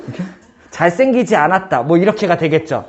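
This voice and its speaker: A man teaching math in a casual one-on-one lesson, firing quick questions at his student and joking. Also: sits high, sing-song, highs cut off, slight background noise. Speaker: math tutor.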